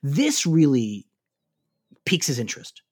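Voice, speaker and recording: A man's voice: medium pitch, wildly swooping pitch, a little slow, darkish tone, breathy edge. A man co-hosting a casual podcast, recapping a TV episode in a chatty way with frequent fillers and restarts. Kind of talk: casual chat.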